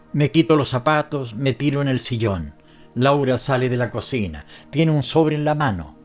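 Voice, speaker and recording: A man narrating a first-person audiobook story in a somber, measured way. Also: medium pitch, darkish tone.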